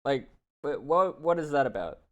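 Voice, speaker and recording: A man's voice: on the high side, big pitch swings, moderate pace, a bit bright, dull audio. A man co-hosting a reaction video, chatting casually with blunt, incredulous remarks and slang. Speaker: co-host reacting.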